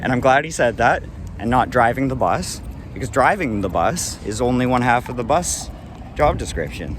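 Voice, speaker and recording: A man vlogs outdoors at a bus stop in an animated, mid-range voice at a moderate pace, delivering an indignant, rambling monologue full of restarts. It's filmed on a handheld camera, with clear street traffic noise from passing cars.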